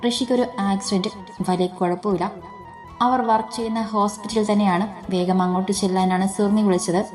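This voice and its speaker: A woman voicing a gentle, protective young husband in a spoken story, talking softly and coaxingly. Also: medium pitch, steady tone, a little fast, soft background music, lightly acted. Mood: tense.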